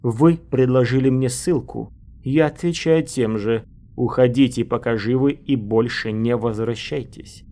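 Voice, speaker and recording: A man's voice: medium pitch, measured pace, dark tone, lightly acted. A man voicing an earnest woman guardian who speaks with pleading sincerity in an audiobook. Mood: stern. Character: earnest woman defender of a holy place.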